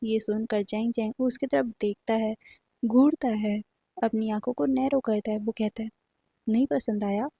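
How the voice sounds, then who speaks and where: A woman's voice: fairly high pitch, fairly even intonation, normal speed, vocal fry, dark tone, no room sound. A woman narrating a fan fiction story in a casual storytelling manner, mixing in English words.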